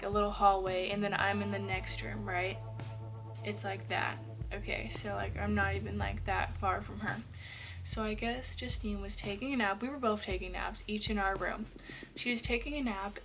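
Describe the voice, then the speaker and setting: A woman's voice: mid-range voice, a bit bright. A woman vlogger telling creepy stories in a casual, rambling way, full of fillers and swearing, acting out what people said. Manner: chatty, lots of "like" fillers, swears, acts out quotes. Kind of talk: casual storytelling to camera.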